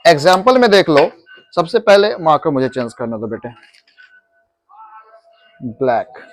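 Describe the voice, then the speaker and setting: A man's voice: a little high, big pitch swings, a little slow, no echo, faint music behind. A male teacher in a classroom, drilling students on pronunciation and patiently repeating words, mixing English into his Hindi.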